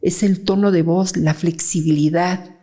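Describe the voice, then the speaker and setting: A woman's voice: lowish voice, fairly even intonation, a little slow, dark tone. A woman child psychiatrist, explaining cases in a conversational interview, with fillers and frequent "¿sí?" checks. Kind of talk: explanatory interview talk with anecdotes.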